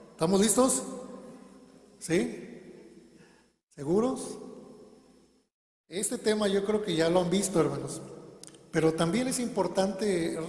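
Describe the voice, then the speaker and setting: A man preaching a sermon to his congregation, calling them "hermanos" and asking them questions. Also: sits high. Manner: varies loudness a lot, at times speaking very softly. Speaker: minister. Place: church hall. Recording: echoey hall with long reverb.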